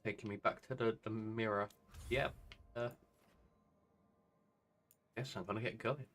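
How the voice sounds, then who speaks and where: A man's voice: lowish voice, fairly even intonation, unhurried, fairly bright tone, a little hiss or hum. A man streaming a fantasy game, thinking aloud in casual, rambling commentary and chatting to viewers.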